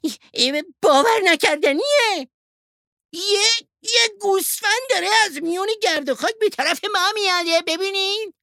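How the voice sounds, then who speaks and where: A woman's voice: extremely high pitch, lively intonation, a bit bright, no room sound, clean studio sound, voice pushed up, heavily acted. A woman voicing a jumpy young male wolf who exclaims in alarm, in a storybook voice. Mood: astonished.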